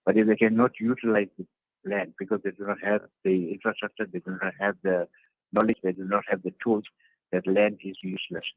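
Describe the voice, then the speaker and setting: Gravelly man over a video call. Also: lowish voice, a little fast, no echo. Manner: earnest, repeats points for emphasis. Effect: heard over a video call. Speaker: political party councillor. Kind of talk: interview answers. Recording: tinny, dry video-call line.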